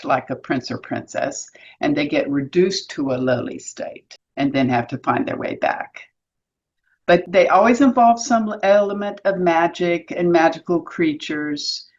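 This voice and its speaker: This educational presenter, who also writes books and leads workshops, delivers a semi-scripted explainer in a clear, teaching manner with a bit of dry wit. Her voice is low-pitched, and the audio sounds dull.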